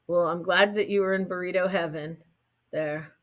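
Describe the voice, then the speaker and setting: A woman's voice: fairly low pitch, steady tone, moderate pace, slight background noise. A woman teaching a math class in a casual lecture, often checking in with her students and adding light jokes. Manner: casual, keeps checking in with "right?"; light joking asides to students.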